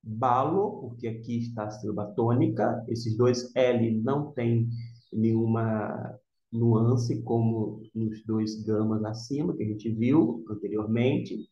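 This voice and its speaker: A man teaching a vocabulary lesson from slides, explaining slowly step by step and repeating key words. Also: fairly low pitch, steady tone, dark tone. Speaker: Greek teacher. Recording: roomy, dull lo-fi sound.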